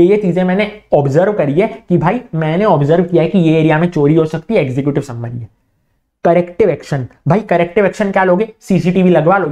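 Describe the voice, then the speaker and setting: Man, revision-class teacher; animated, quizzes and answers himself, slow on key terms. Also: high voice. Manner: animated, answers his own questions in a hushed student voice; slows right down to spell out key terms. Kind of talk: online exam revision lecture.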